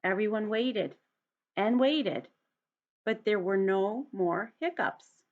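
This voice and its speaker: A woman reading a children's storybook aloud in an expressive, deliberate way, like a teacher addressing young students. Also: medium pitch, phone-quality sound.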